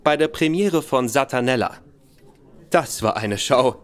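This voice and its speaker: This actor voices Sebastian Conroy, a young nobleman who is bitter, boastful, and drinking, rambling with spite in a radio play while tipsy. His pitch is medium, his pace measured, and the acting is light.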